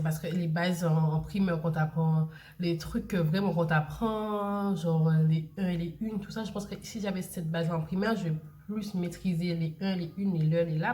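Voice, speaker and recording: A woman's voice: fairly low pitch, a little mellow. A young woman, chatting casually to camera and repeating herself with many fillers. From Saint Lucia. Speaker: vlogger.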